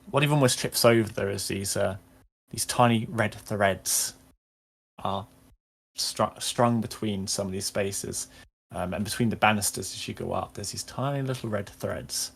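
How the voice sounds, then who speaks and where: Low-voiced man running a tabletop game. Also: vocal fry, fairly bright tone, slightly rough. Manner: hesitant descriptive narration with many fillers. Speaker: game master.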